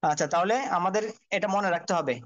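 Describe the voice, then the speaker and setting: A man's voice: high voice, quick pace, a bit bright, dull audio. A man teaching Quran reading online, patiently spelling out Arabic letters and drilling each sound.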